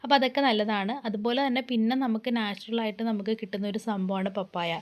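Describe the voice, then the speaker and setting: A woman from Kerala, hoarse from a cough, explaining a home remedy step by step in a chatty, reassuring way. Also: fairly high pitch, fairly even intonation, quick pace. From Kerala, India. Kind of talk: casual home tutorial.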